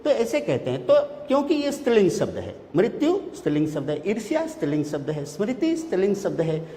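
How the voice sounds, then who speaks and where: A male teacher gives a classroom grammar lesson, naming example words one by one. His pitch rises and falls in a lively, sing-song way. The room is echoey, with a long reverb trailing each word. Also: a little hiss or hum. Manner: lists words one by one with many pauses.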